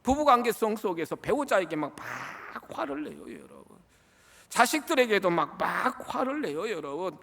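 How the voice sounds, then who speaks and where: Animated, gravelly male preacher. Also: high-pitched, normal speed. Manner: emphatic preaching, swinging from loud exclamations to hushed asides; repeatedly addresses the congregation, asking them to repeat words. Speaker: pastor. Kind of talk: sermon. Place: church sanctuary.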